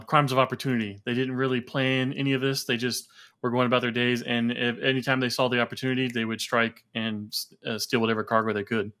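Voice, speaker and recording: A man's voice: medium pitch, bright, forceful tone. A man who is a regular on a trucking news show, talking in a wry, joking way. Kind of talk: casual news talk.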